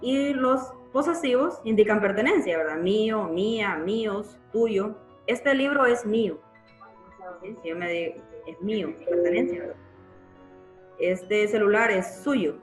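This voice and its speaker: A woman's voice: medium pitch, animated, measured pace, faint music behind. Patient woman teacher in a roomy room. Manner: patient explaining, frequent tag questions. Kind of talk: live online grammar class. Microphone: computer mic in a live online class.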